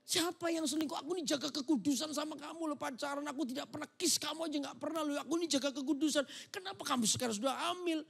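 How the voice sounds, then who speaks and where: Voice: sits high, vocal fry, a bit bright, soft background music, pitched above the performer's own voice. A preacher doing a frantic young groom. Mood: shocked, indignant. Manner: frantic, rapid questioning. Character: agitated young man, the groom Joseph.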